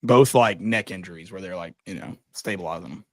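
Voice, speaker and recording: A man's voice: deep voice, fairly quick, a little mellow, no room sound, studio quality. A man co-hosting a podcast, chatting casually about college football in a blunt, joking way. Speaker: podcast co-host. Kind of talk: casual sports chat.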